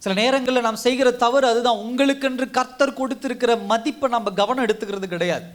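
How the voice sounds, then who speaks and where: A man's voice: very high voice, fast. A man pastor delivering a sermon, exhorting his listeners in a repetitive preaching cadence. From India. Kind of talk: Tamil sermon.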